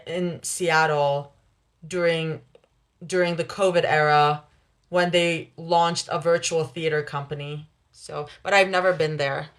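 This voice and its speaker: A young woman hosting a livestream, chatting casually with viewers, laughing often between quick asides. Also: on the low side, fairly bright tone. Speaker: livestream host reading chat. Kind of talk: casual live chat with viewers.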